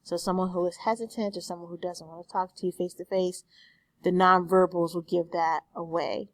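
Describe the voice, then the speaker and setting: A woman's voice: on the low side, level tone, fairly quick, dry recording. A woman speech instructor giving a recorded online lecture in a conversational way, often correcting herself. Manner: conversational, frequent self-corrections and "excuse me".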